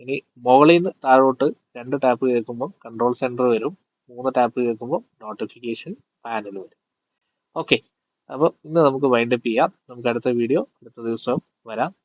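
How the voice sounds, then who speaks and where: A man giving a casual tech tutorial and explaining phone settings, pausing often with fillers. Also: mid-range voice, highs cut off. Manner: hesitant, with many fillers.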